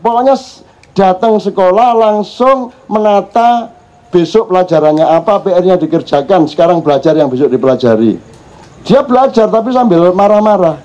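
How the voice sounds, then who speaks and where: A man's voice: high voice, animated, normal speed, a little mellow. An older man with a Javanese accent telling humorous stories to a live audience, acting out his child's complaints. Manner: joking storyteller mixing in local speech, acting out his child's complaints. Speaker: speaker at a community forum. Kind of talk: casual talk to an audience. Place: outdoor cultural venue before a crowd. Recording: dull live recording with faint ambience.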